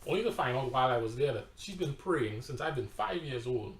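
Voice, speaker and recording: Speaking briskly and expressively at medium pitch, a Trinidadian-accented pastor recounts his testimony in conversation, emphatic and story-driven, at times repeating himself. The audio has roomy echo and a little hiss or hum.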